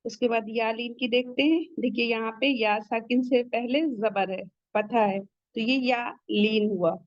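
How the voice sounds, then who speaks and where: In an online Quran recitation lesson, a woman teaches Tajweed with patience, repeating each point and modeling sounds syllable by syllable. Her voice sits on the high side with fairly even intonation, and the recording is muffled but free of echo.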